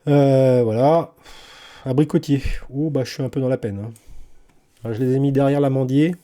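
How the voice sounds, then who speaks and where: Chatty man with a very dark, mellow voice. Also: medium pitch, fairly even intonation, moderate pace. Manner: chatty and colloquial, full of hesitations and restarts; enthusiastic and blunt in his opinions. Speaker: vlogger talking about his garden. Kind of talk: casual spoken vlog.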